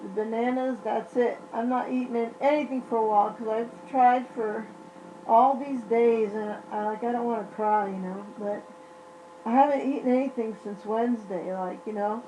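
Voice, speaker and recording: Woman in pain just talking to camera, kinda high but mellow voice, swears a lot, faint hiss behind. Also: fairly even intonation, moderate pace, poor audio. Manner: emotional, blunt and profane, rambling with many restarts. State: in pain, medicated. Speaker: vlogger. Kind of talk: casual vlog monologue.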